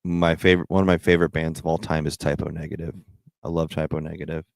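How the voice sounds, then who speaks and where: A man with an extremely low voice and a gravelly fry, talking on a livestream. He rambles casually in loose slang and swears freely, and the sound is dry and close. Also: flat delivery, fast talker, a little mellow, dry recording. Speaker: livestream host chatting with viewers.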